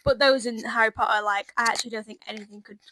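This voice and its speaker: A woman's voice: fairly high pitch, fairly even intonation, fast talker, bright, forceful tone, a little hiss or hum. A young woman co-hosting a podcast, chatting casually and giving strong opinions. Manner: chatty, opinionated, many "like" fillers. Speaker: podcast co-host. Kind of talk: casual chat.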